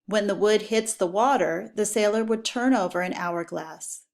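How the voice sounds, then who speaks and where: Speaking at a medium pitch, a woman teacher reads an educational text to her pupils, using clear, deliberate phrasing meant to instruct.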